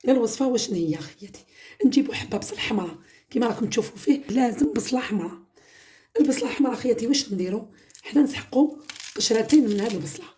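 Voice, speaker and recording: A woman with an Algerian Arabic accent talks her viewers through a home remedy in a brisk, chatty stream. She keeps calling them "my sisters" and walks through each step in turn. Her voice sounds mellow and warm, and she talks fast. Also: a little high, lively intonation, slight background noise. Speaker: home cooking channel host. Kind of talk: casual home-remedy demonstration.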